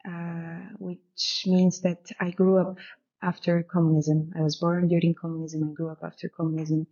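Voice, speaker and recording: A Bulgarian woman in her thirties, a shamanic guide, tells her story as a guest in a casual interview on a muffled lo-fi recording. Her voice is fairly low and dark with little pitch movement at a normal speed, and she's reflective, peppering her speech with "you know."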